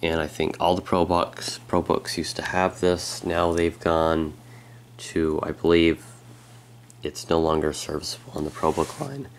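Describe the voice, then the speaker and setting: A man who is a bit sick, giving a casual, halting walkthrough of his laptop as a tech vlogger. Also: very deep voice, completely flat delivery, a little hiss or hum. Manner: halting and unhurried, with frequent pauses. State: sick, with a slightly strained voice. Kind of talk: casual hands-on product walkthrough.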